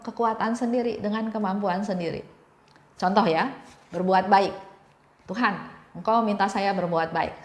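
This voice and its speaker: Woman giving a gentle devotional talk. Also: a little high, roomy sound. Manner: gentle storytelling with repeated phrases.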